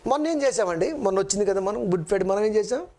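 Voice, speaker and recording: A man preaching a sermon, firing rhetorical questions at his listeners and reading scripture slowly, his voice leaping between high and low. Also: lively intonation, warm tone. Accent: Telugu. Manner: sudden jumps between high and low pitch; slow measured scripture reading. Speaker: preacher, Bible college director. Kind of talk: Telugu sermon.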